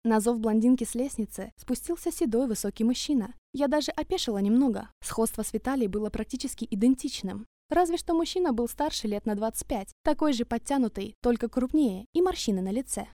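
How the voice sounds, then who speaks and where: Woman reading a story in first person, kinda high voice, calm and reflective, dry close sound. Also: fairly quick, few pauses, no room sound. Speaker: narrator.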